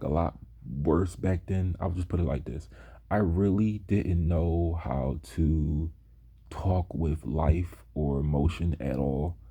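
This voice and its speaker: Young guy with a real low, dark, slightly husky voice, laid back, telling school stories. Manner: laid-back, slow, with mimicked voices of classmates. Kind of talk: casual storytelling.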